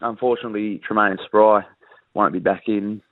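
A low-voiced Australian man speaks as an athlete in a casual interview. He comes through a narrow, tinny phone line with no room echo. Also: fairly even intonation, normal speed. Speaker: rugby league player being interviewed.

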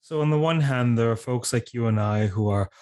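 A man hosts an academic interview in a voice of middling pitch. He builds long questions slowly, stalling on fillers and repeated words before landing the point. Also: darkish tone. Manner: hesitant, searching questions with many fillers. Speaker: interview host.

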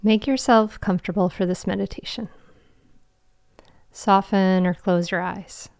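A woman guiding a meditation in a soft, soothing, slow voice with long pauses, breathy and trailing toward a whisper. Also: medium pitch, fairly even intonation, dry recording, studio quality. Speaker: meditation guide and show host. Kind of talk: guided meditation.

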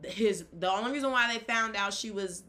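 A young American woman co-hosting a casual podcast, chatting in Gen Z slang with an animated, dramatic, mock-disgusted manner. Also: mid-range voice, fairly quick. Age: young adult. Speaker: podcast co-host.

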